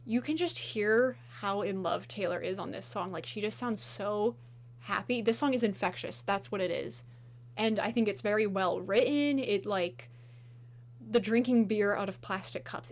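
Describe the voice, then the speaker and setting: A woman gushes through a casual song-ranking chat, her voice a little hoarse. She talks at a middling pitch and fills her sentences with casual filler words. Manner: gushing, enthusiastic, filler-heavy. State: slightly hoarse, losing her voice. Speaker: video host.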